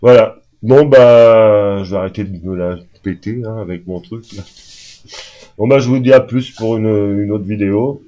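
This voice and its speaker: In a dull, lo-fi home recording, a just-woken vlogger speaks unscripted to camera, meandering and hesitant with plenty of fillers. He has a lowish, dark-toned voice and keeps a moderate pace.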